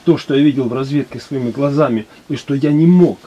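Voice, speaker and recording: A man speaking in casual conversation, measured and reflective. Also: mid-range voice, mellow, highs cut off, slight background noise. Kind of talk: casual chat.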